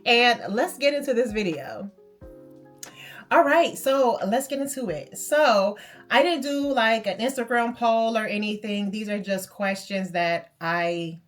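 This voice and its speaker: A woman in her late thirties from Michigan, chatting casually and upbeat to camera as a beauty vlogger who calls her viewers babes and girl. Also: mid-range voice. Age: 30s.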